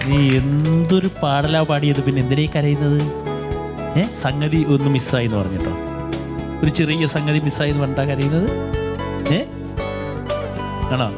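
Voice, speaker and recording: A man's voice: fairly high pitch, moderate pace, pauses often, loud music behind the voice. A man judging a child singer on a TV talent show, jovial and brotherly, joking to cheer him up. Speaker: judge. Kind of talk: judge's critique on a TV talent show.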